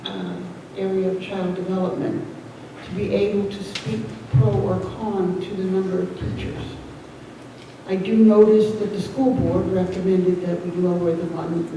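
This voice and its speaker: A woman giving a slow, measured, earnest public comment at a town meeting. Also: mid-range voice, warm tone, a little hiss or hum. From United States. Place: school gym at a town meeting. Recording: echoey hall from far off.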